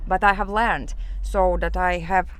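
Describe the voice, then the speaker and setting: A woman's voice: lowish voice, steady tone, unhurried, smooth, no room sound. A woman from Latvia talking casually to the camera outdoors by her van, rambling with many fillers and restarts. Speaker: vlogger.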